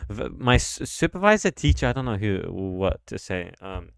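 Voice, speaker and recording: A young Australian man co-hosting a late-night podcast, hesitant and low-key with many fillers. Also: very animated, normal speed, creaky, clear, resonant tone, no room sound, clean studio sound. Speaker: podcast co-host. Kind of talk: casual late-night chat.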